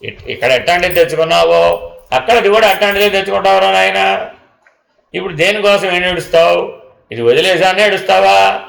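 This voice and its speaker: A man teaches Vedanta in a fairly high, gravelly voice. He chants verses slowly and answers his own questions, and his voice rings through an echoey hall. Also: fairly bright tone. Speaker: spiritual teacher. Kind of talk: Vedanta discourse.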